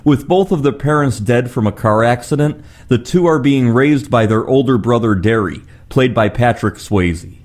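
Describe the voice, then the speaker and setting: A man's voice: medium pitch, normal speed, few pauses, a little mellow. A man reading a scripted plot summary as a film reviewer.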